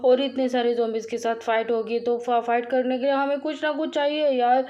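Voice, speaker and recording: Excitable woman narrating her game. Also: fairly high pitch, brisk, highs cut off. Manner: excitable, frequent cries and repeated words; addresses viewers as friends, chatty. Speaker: gaming channel host. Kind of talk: live commentary while playing a mobile game.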